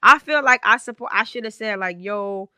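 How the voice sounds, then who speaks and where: A woman's voice: fairly high pitch, brisk, sharp tone, dry recording, clean studio sound. A woman co-hosting a podcast in casual chat, telling her story with many restarts and pressing to finish it. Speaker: podcast co-host.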